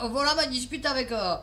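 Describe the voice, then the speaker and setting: Woman vlogger, tired, chatty storyteller, slightly high, bright and forward tone. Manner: chatty, swears, many fillers and restarts. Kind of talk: casual storytelling to camera.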